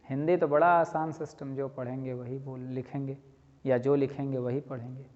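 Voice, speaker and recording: High pitched guy teaching a lesson, lots of rhetorical questions, lo-fi and echoey. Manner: lively, explains with spoken examples and rhetorical questions. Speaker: English teacher. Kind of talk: classroom-style lecture. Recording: dull lo-fi sound with long reverb.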